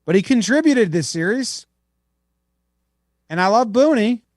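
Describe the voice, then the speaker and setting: A man's voice: high-pitched, expressive, measured pace, darkish tone, no room sound, studio quality. A man co-hosting a podcast, chatting casually and playfully about baseball. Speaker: podcast co-host. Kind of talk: casual sports chat.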